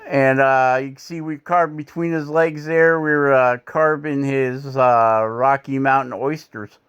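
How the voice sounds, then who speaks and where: A man's voice: medium pitch, fairly even intonation, a little slow, a bit bright, smooth, dull audio. A middle-aged man from Michigan, hosting a woodcarving channel, narrating his carving footage in a rambling, self-deprecating, folksy way with lots of "uh" fillers.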